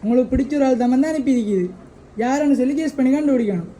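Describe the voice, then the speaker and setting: A woman's voice: high-pitched, very fast, warm tone, a faint crowd, slight background noise, low-quality recording. A woman hosting a birthday surprise delivery, coaxing a child with repeated questions.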